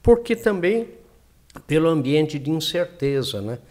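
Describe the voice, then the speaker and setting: A man's voice: a little high, big pitch swings, unhurried, a little mellow. A Brazilian man speaking Brazilian Portuguese as an interview guest, rambling and often ending with tag questions. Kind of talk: casual interview chat.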